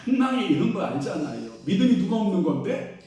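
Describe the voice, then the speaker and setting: Male pastor, lively sermon, swings from hush to loud, heavy church echo, mic set far off. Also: high voice, a little fast. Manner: call-and-response questions to the congregation; swings between hushed and loud exclaiming. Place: church sanctuary. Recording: echoey church hall, distant mic.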